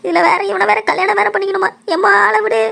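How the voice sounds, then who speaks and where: Woman doing a shrill panicky village woman. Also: little pitch movement, quick pace, gravelly, noisy background, heavily acted. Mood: frightened. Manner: shrieking, wailing "aiyo" in fright. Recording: music playing behind the voice.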